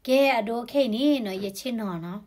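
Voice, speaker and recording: A woman's voice: mid-range voice, fairly quick, a little mellow. A woman explaining health topics in a conversational way, often adding tag particles to her sentences. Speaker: health educator.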